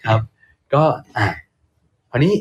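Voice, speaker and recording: A man, a monk, retelling an old tale in a casual chat with lively asides. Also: measured pace. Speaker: monk storyteller.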